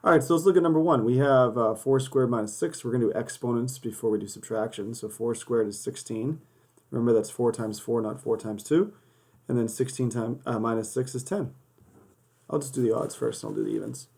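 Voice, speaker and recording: Losing his voice, a man casually works through math problems step by step in a worked-example lesson, filmed by a camera above a desk showing paper and hands. His voice is mid-range with a darkish tone, and he talks a little fast.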